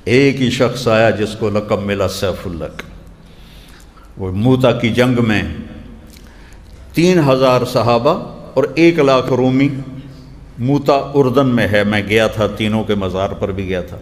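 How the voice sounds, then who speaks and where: A man preaching a religious sermon, telling stories and slowing down to recite quotations in short repeated phrases. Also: medium pitch. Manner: storytelling, slows down to recite quotations. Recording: long hall reverb.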